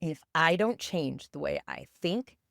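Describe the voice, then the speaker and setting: Low-voiced woman, raw and self-mocking. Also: animated, a little slow, gravelly, a bit bright, no room sound, studio quality. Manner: raw, self-deprecating, confessional. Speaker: podcast host. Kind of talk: candid personal monologue.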